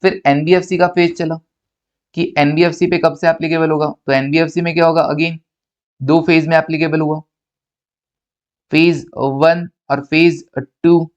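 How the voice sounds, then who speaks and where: Speaking at a moderate pace with a slightly high voice and flat delivery, an Indian man gives a recorded lecture on accountancy. He jokes with his students and answers his own questions.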